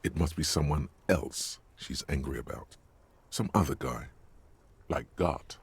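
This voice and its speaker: A very deep, husky male inner voice from a video game, smug and needling as it narrates the detective's every move. It sounds low and rough-edged throughout. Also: unhurried, exaggerated voice. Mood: sardonic. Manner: sardonic, needling.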